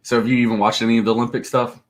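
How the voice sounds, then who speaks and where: A man co-hosting a live stock market show, casual and jokey, laughing easily and speaking bluntly with some swearing. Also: mid-range voice. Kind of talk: casual livestream market chat.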